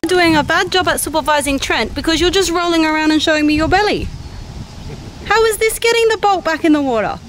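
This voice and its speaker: A woman's voice: extremely high pitch, a little fast, slight background noise. A woman sailing vlogger chatting casually outdoors by the beach and boatyard, recorded on a handheld camera. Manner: lively, chatty, teasing. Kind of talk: casual vlog narration. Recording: background music under the voice. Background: background music.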